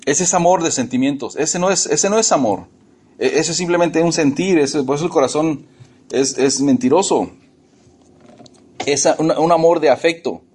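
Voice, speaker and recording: Emphatic pastor preaching. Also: male voice, fairly high pitch, moderate pace, a little mellow, husky. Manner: emphatic, repeats words, asks the congregation questions. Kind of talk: sermon.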